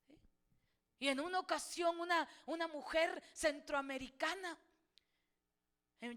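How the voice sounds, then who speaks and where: A middle-aged woman pastor with a Mexican Spanish accent, preaching a sermon and telling stories dramatically, swinging from loud declarations to near-whispers. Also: sits high.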